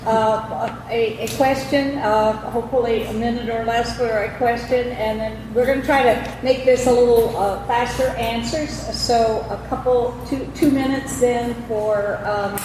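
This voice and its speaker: A woman's voice: on the high side, steady tone, a little slow, hardly any pauses. A woman moderating a public debate, giving meandering instructions full of fillers. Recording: echoey hall from far off with noise.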